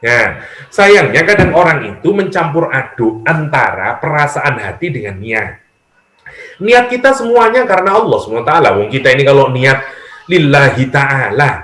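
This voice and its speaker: A middle-aged man with a Javanese accent giving a lively, conversational religious lecture. He acts out the prayers of worshippers and mixes in humor. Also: mid-range voice. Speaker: Islamic preacher. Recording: echoey room.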